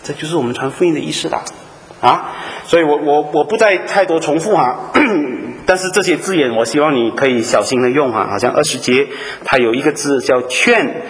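A man preaching a sermon, telling a story and acting out bits of dialogue, with many drawn-out "ah" fillers and little questions to the listeners. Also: on the high side, a little hiss or hum. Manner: animated storytelling, acts out dialogue, frequent "啊" fillers and tag questions. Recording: long hall reverb.

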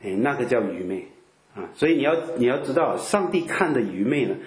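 A man preaching in a relaxed, conversational way, filling his talk with drawn-out "ah" sounds and rhetorical questions. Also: mid-range voice, echoey room, a little hiss or hum. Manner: chatty, peppers speech with drawn-out "ah" fillers and rhetorical questions. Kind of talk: conversational Bible teaching.

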